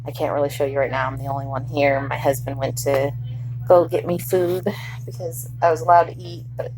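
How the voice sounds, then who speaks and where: A low-voiced woman records a casual video diary while recovering from surgery. She rambles candidly with light humor in a deep register. There is a faint hum behind her voice. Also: little pitch movement, a little fast, a little mellow, poor audio. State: recovering hours after surgery. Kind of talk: casual chat to camera. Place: hospital room, in bed.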